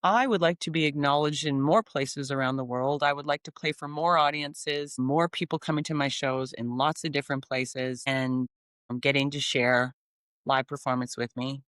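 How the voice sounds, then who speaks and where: A woman's voice: extremely low pitch, fairly even intonation, normal speed, a bit bright, no echo. Woman, 40s, from Canada, singer-songwriter guest, upbeat, enthusiastic, filler-heavy chat, dry close sound. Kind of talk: casual interview chat.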